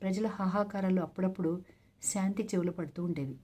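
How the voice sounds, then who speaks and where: A woman reading a translated novel aloud as storyteller, in a steady, measured way. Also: fairly low pitch.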